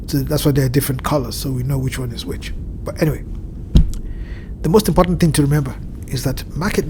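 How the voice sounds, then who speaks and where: At home indoors one evening, a crypto market analyst from the Southern Hemisphere walks through a chart on screen share, explaining in a measured way and pausing often to find his words. His voice is on the high side and slightly nasal from a blocked nose, with background noise present.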